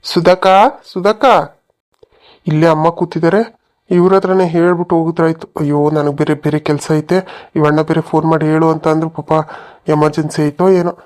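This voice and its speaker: A man voicing a village neighbor and a husband in a cartoon comedy, reasoning in a plain, hurried way. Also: fairly high pitch, flat delivery, a little mellow.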